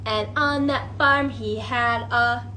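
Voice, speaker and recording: Leading an interactive storytime for kids, a female librarian speaks in an animated way, her voice a little high and her pace slow. She exaggerates her wonder and coaxes with questions, while a slight hiss or hum is audible.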